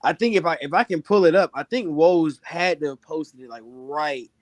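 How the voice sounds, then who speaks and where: A hoarse man chatting excitedly on a sports podcast. His voice sits a little high and sounds close and dry on the mic. He tells stories in a quick, animated way. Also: no room sound. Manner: animated storytelling, fast and excitable. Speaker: podcast co-host.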